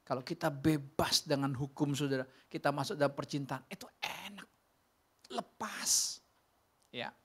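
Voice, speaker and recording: Animated preacher. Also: male voice, fairly high pitch, unhurried, husky. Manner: animated preaching, swinging from loud calls to soft near-whispers. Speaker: pastor. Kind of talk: sermon. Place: church sanctuary.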